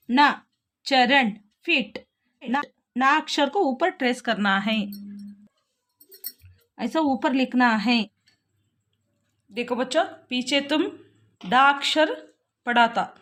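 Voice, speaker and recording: A woman with a fairly high voice leads an online lesson for young children. She speaks slowly and patiently, saying each word and letter one at a time. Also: fairly bright tone. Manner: slow, patient, spelling words out letter by letter. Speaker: primary school Hindi teacher.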